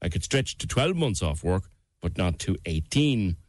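A man's voice: deep voice, sing-song, moderate pace, dry recording. A middle-aged man with an Irish accent hosting a radio phone-in, chatting and reading out listener messages. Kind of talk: conversational talk radio presenting.

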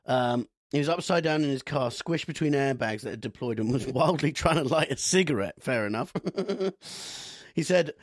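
A man's voice: mid-range voice, animated, moderate pace, dry recording, studio quality. A man hosting a podcast, rambling and joking, often laughing as he tells a story. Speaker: podcast host. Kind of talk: casual comedic chat.

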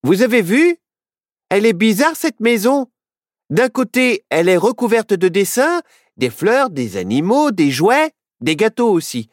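A woman's voice: mid-range voice, very animated, a little slow, no room sound, clean studio sound, voice pushed up. A woman voicing a worried, anxious little boy who frets and complains in a children's storybook.

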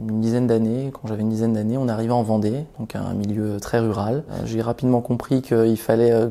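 A man's voice: mid-range voice, dark tone. A man in his twenties telling his own life story in a podcast, hesitant, with many fillers and restarts. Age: 20s. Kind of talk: personal testimony podcast.

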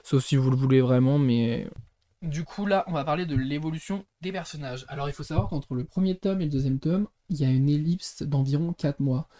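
A man's voice: a little high, a little fast, dark tone, no room sound. A young man hosting a casual book podcast, chatting and reading passages aloud, self-deprecating and often tripping over words and correcting himself.

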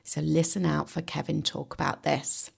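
A woman hosting an English-learning podcast, explaining and interviewing in a clear, teacher-like way. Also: sits low, level tone, moderate pace. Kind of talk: scripted lesson narration and interviewing.

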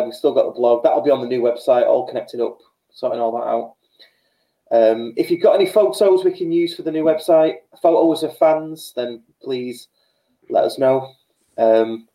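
A man's voice: mid-range voice, warm tone. An English man hosting a football fan podcast, chatting casually in a matey, informal way. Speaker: podcast host. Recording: roomy, echoey voice.

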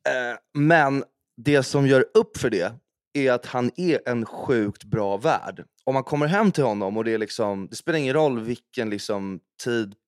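A man's voice: mid-range voice, clean tone, no echo, studio quality. A man co-hosting a podcast, chatting casually and acting out the voices of people in his stories. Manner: animated storyteller who acts out quoted voices. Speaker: podcast co-host. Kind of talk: casual chat.

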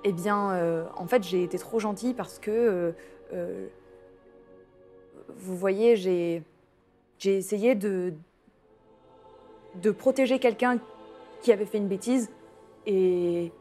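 A woman's voice: medium pitch, slow pace, pauses often, mellow, faint music behind. A woman playing a tabletop game, talking casually in character with hesitant fillers. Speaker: player.

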